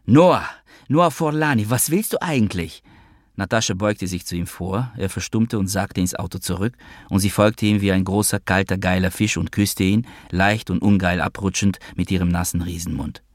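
A man narrating an audiobook in a measured, dry storytelling manner. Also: low voice, level tone, dry recording.

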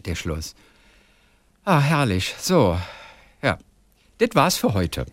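A man co-hosting a casual podcast, telling stories in an animated way and reading out listener messages. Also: mid-range voice, slow, no echo. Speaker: podcast co-host. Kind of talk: casual chat.

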